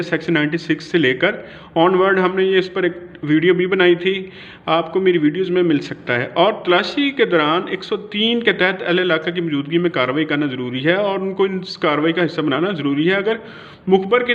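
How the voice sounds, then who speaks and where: In dull, lo-fi audio, a Pakistani-accented man with a high-sitting voice lectures informally on law. He explains in a halting, repetitive manner, sprinkling in English legal terminology.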